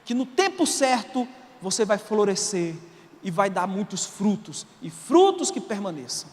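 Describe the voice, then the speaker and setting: A Brazilian man preaching a sermon as pastor, animated and colloquial, swinging from soft asides to shouts. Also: sits high, measured pace, slight background noise. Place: church auditorium. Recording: long reverb of a large hall.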